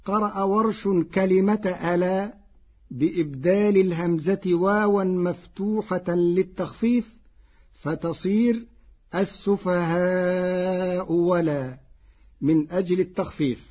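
A man teaching Quran recitation readings in a measured way, slowing down to recite each example word. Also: high voice, husky, muffled recording.

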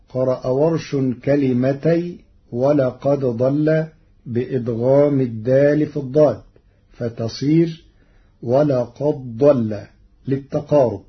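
A man teaching Quran recitation rules, explaining each point slowly and reciting short examples. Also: mid-range voice. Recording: dull lo-fi recording.

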